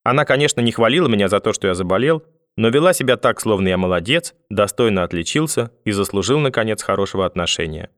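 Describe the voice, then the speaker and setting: A man narrating a first-person story for an audiobook in a measured, wry way. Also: fairly low pitch, lively intonation, no echo, clean studio sound.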